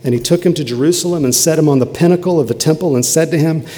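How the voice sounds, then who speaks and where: A man preaching a sermon, with emphatic rises and quiet, low asides. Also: quick pace. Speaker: pastor. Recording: long hall reverb.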